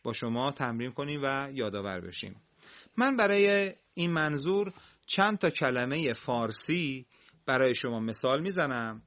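Patient man teaching reading, bright lo-fi. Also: mid-range voice. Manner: patient, drills single syllables loudly. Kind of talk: broadcast classroom lesson.

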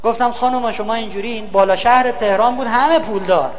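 A man with a high voice gives a lecture on values. He keeps it humorous, telling stories and imitating other people's voices to get laughs. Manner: storytelling, mimicking others for laughs. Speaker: public speaker.

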